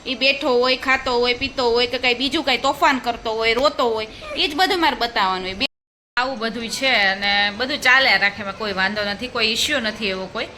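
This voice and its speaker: Woman vlogger, young, high and bright, chatty and coaxing, phone mic close. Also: brisk, slight background noise. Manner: chatty, coaxing a child along. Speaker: family vlogger. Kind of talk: casual vlog chat. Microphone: phone held close to the mouth.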